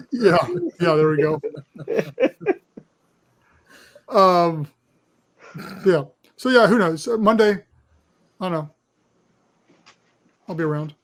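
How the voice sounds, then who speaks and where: A man's voice: high voice, animated, extremely slow, pauses often. A man co-hosting a podcast in casual chat, rambling with many fillers and restarts. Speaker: podcast co-host leading the show.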